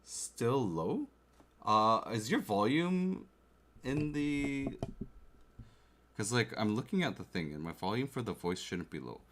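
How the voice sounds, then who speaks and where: Chatting with his viewers while assembling a keyboard on a livestream, a man speaks slowly in a mid-range, sing-song, somewhat bright voice. A desk mic near the keyboard catches slight hiss or hum, along with faint typing and clicks.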